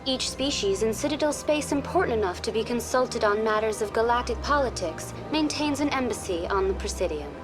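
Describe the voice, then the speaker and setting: A courteous female virtual intelligence acted by a woman guides visitors around a game's space station. The voice sits fairly high and stays formal and impersonal, reciting information in measured phrases. Music plays clearly behind it. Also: animated, close to an everyday voice. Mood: polite, composed. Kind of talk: scripted informational game dialogue.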